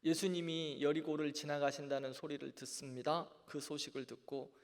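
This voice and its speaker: A man's voice: on the high side, little pitch movement, normal speed. A man teaching a Bible class as a pastor, earnest, asking his listeners rhetorical questions. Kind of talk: Bible lecture to a congregation. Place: church sanctuary. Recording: long church reverb.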